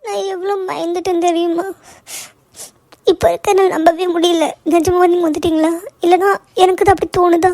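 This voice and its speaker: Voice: very high-pitched, flat delivery, fairly quick, darkish tone. A performer voicing a frightened, dazed young woman in a cartoon who pleads and apologizes through sobs. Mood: tearful. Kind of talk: cartoon voice acting.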